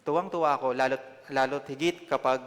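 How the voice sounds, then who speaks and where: A man in his twenties from the Philippines giving a personal testimony sermon, conversational and self-deprecating, often pausing on fillers. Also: medium pitch, fairly even intonation, a bit bright, long reverb tail. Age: 20s. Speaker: lay preacher.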